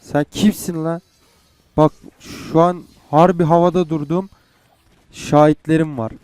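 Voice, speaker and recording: A man's voice: a little high, flat delivery, unhurried, a little mellow, clear, resonant tone, dry recording. A young man playing a game and commenting, frustrated and swearing as he goes. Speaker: gamer. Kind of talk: gameplay commentary.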